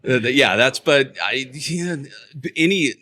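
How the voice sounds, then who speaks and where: A man hosting a podcast, talking casually in a halting, rambling way with many restarts and laughter. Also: mid-range voice, expressive, pushed and bright. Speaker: podcast host.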